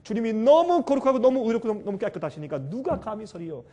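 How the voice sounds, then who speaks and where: A male preacher delivers a sermon in a high, very lively voice. He rises into loud, stressed calls, then drops into quiet asides. He keeps putting questions to his listeners. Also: fast.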